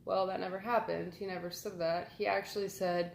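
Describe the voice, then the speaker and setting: A woman's voice: fairly low pitch, little pitch movement, fairly quick, vocal fry. A woman, chatting casually for her vlog in a rambling, filler-heavy, amused way. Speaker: vlogger. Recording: roomy echo.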